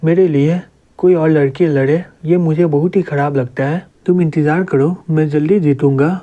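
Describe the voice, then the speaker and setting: A man reading the part of a calm, confident young male city lord in a comic recap. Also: fairly high pitch, normal speed, close to an everyday voice. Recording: dull lo-fi recording.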